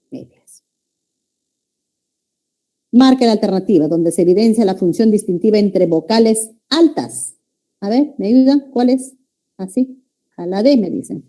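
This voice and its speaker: Peruvian woman teacher, dark mellow tone, explains step by step and checks in with the class. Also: mid-range voice. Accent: Peruvian Spanish. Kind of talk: university-prep lecture.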